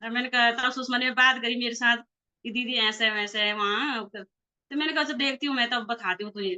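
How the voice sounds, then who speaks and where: A woman's voice: fairly high pitch, steady tone, a little fast, pushed and bright. A woman, a network marketing leader, telling her personal story casually and acting out past conversations with animation. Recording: slightly dull lo-fi recording.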